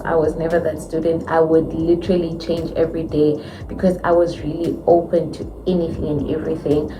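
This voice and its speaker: A woman in her twenties from Zimbabwe, a dental student telling her own story to the camera in a chatty, candid, expressive way. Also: sits low. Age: 20s. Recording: distant mic with clear background noise.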